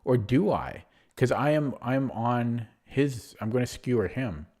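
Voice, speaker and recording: A man narrates his own online chess stream, talking through his moves in a hesitant, self-deprecating way packed with fillers. His mid-range voice is animated and a little mellow, moving at a measured pace.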